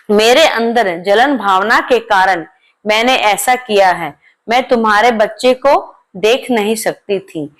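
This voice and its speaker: A woman voicing a jealous, childless elder sister-in-law in a devotional folk story. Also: mid-range voice. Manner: gloating, then pleading.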